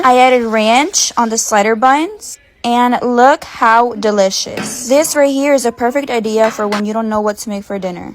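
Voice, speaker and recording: A woman's voice: fairly high pitch, slight background noise. A mother narrating a cooking vlog, walking through each step in a matter-of-fact way.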